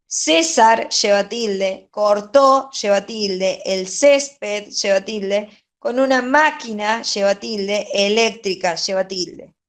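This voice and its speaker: Patient teacher, unhurried, mid-pitched woman going over exercises. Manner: patient, checks in with "¿sí?". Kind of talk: grammar lesson, going over answers. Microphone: online class.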